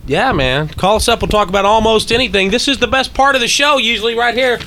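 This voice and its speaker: Laid-back bright-voiced radio host. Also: male voice, high-pitched, fast talker. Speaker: radio talk show co-host. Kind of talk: casual late-night radio banter.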